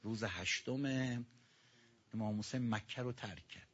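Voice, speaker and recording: A man preaching a sermon with a mourning elegy, swinging between loud outbursts and hushed passages and addressing his listeners directly. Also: mid-range voice. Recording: dull lo-fi recording.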